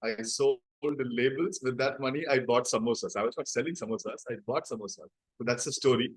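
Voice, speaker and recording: A man's voice: mid-range voice, fairly quick, husky, dry recording, low-quality recording. A man with a South Indian accent speaks as a founder being interviewed. He explains things in a conversational storytelling way, often checking in with tag questions. The sound is dry, with very little room. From Chennai, South India. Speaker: interview guest, company founder.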